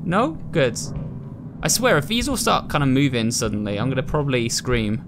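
With ominous game music and some background noise beneath him, a British gaming video host talks his viewers through a horror game. His medium-pitched voice is animated and moderately paced, and his commentary is chatty and casual.

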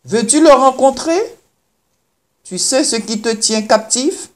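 A woman preacher delivering a sermon, reading scripture and exhorting the listener with slow, emphatic phrasing. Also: sits high.

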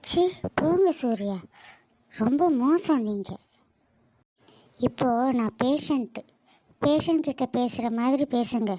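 A woman voicing a high, mellow young wife with a fever. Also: expressive, slow, long pauses, full character voice. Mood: tender. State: weak with fever. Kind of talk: cartoon drama dubbing.

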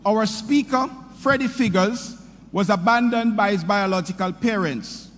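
A middle-aged man at a podium formally introducing a commencement speaker, reading a prepared script in a measured, sing-song delivery. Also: high voice, fairly bright tone, slight background noise. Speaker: university president introducing the speaker. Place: large hall, speaking at a podium. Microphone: podium microphone. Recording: hall reverb with faint ambience.

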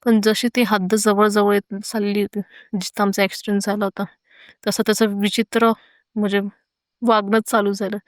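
A woman earnestly recounting her own frightening experience, pausing with hesitant fillers. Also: mid-range voice, flat delivery, dry recording, clean studio sound. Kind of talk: first-person horror account.

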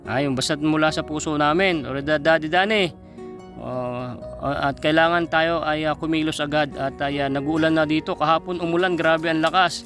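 A man from the Philippines vlogging outdoors on a mountain, talking haltingly with many fillers and coaxing an old man. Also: fairly high pitch, steady tone. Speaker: charity vlogger. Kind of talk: casual vlog talk to camera and an old man. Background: guitar music.

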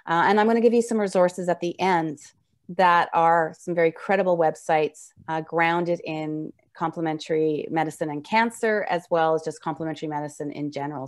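Middle-aged female nurse presenter, slightly low voice, slushy slurred s, informal webinar teaching over slides. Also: steady tone, fairly quick. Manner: slurred, slushy s sounds from wearing braces. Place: indoor room, video call.

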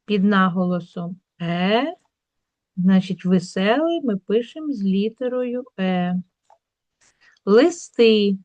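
Slow, deliberate woman teacher. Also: mid-range voice, a little mellow, dry recording, highs cut off. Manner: slow, drawn-out word demonstrations. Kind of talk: explaining a school workbook.

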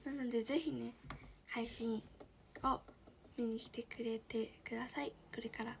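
An 18-year-old woman from Shizuoka, Japan, chatting casually on a livestream and answering viewer comments, often slipping into a soft breathy whisper. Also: a little high, fairly even intonation, measured pace, a little hiss or hum. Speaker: idol livestreamer.

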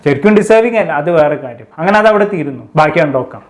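Rapid-fire chatty male commentator. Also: a little high, lively intonation. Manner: chatty, addresses viewers as kids. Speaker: show commentator. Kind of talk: casual recap commentary.

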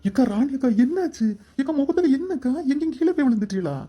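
A voice actor voicing a nosy village neighbor woman in a cartoon, prying with quick questions. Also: medium pitch, mellow, close to an everyday voice. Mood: prying, alarmed. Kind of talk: cartoon voice acting.

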